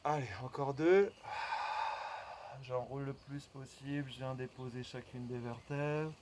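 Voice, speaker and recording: A man's voice: mid-range voice, steady tone, measured pace, darkish tone, slight background noise, low-quality recording. A man leading a floor exercise class, guiding breathing and repeating cues rhythmically as he counts. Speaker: fitness instructor. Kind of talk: guided workout instruction.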